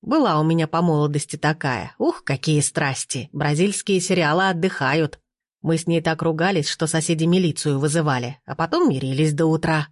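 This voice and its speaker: A woman plays an old grandpa in an audiobook. He talks low and slowly, savouring his memories. The voice is dry and close. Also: no room sound. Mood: nostalgic. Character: old grandpa, gossipy and nostalgic.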